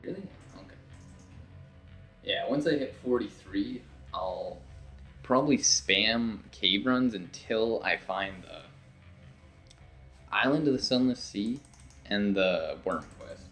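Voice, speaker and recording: A man's voice: on the low side, lively intonation, takes it slowly, long pauses, fairly bright tone, soft background music. A young man rambling through casual let's-play commentary, swearing when frustrated, his voice getting worn from talking. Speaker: gaming video host.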